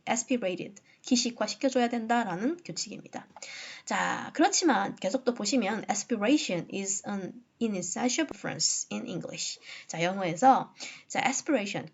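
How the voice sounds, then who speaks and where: A woman's voice: fairly high pitch, husky, highs cut off. A woman teaching English phonology in a lecture on the English quotes, who keeps checking in with her students. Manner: explanatory, frequent "자" and "그죠?" checks, reads English quotes slowly. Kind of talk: online lecture.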